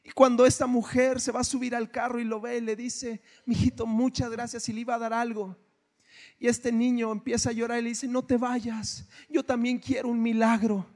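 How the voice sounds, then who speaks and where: A man preaching a sermon, swinging from hushed lines to shouts. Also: extremely high pitch, little pitch movement, brisk. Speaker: pastor. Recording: long hall reverb.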